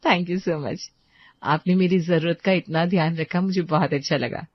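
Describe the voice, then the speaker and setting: A woman's voice: on the low side, fairly even intonation, a little slow, no room sound, pitched below the performer's own voice. Young wife in a cartoon moral story, polite but dismissive, voiced by a woman. Dry and slightly muffled sound. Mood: grateful. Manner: polite but brushing off others.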